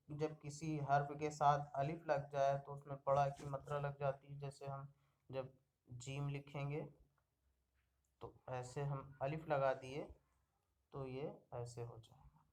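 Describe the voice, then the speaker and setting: Slow, patient man teaching letters. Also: medium pitch. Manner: patient, repeats each word, checks with "ठीक". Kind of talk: slow Urdu alphabet lesson. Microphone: screen recording.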